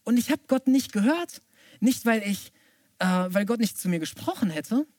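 A woman's voice: a little high, sing-song, normal speed, mellow, dry recording. A German-speaking woman preaching a sermon, reading scripture and then speaking personally, often dropping to a near-whisper before rising to urgent emphasis.

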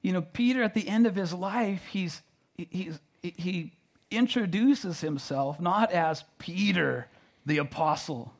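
A man preaching through an interpreter, halting, repeating words and often checking in with "right?" and "you know". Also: sits high. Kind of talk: sermon delivered through an interpreter.

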